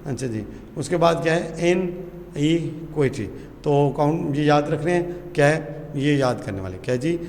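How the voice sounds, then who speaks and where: Pakistani urdu accent teacher guy, a bit high voice, reads english lines slow, echoey hall, some faint hiss. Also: animated, darkish tone. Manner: asks the class questions and answers them himself; reads English sentences slowly. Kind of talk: classroom grammar lesson. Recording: roomy hall reverb with faint noise.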